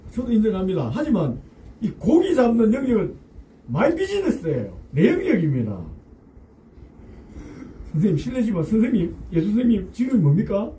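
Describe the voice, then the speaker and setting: A man's voice: sits high, warm tone, roomy sound, distant mic, slight background noise, poor audio. A man playing a weary adult fisherman who grumbles and pleads in an inner monologue.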